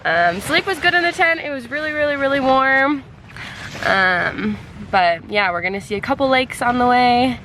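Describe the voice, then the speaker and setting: A woman's voice: sits high, lively intonation, normal speed, pushed and bright, a little hiss or hum. A woman vlogging casually to a handheld camera while trekking outdoors, chatty and narrating what she is doing. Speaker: travel vlogger. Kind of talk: casual travel vlog. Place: outdoors on a mountain trek.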